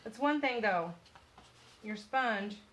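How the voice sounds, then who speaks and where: A woman's voice: on the high side, expressive, takes it slowly, a bit bright, slight background noise, poor audio. A woman with a Southern US accent teaching a live-stream painting tutorial, chatty and loose, talking through each step as she works. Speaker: painting instructor. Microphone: phone on live stream.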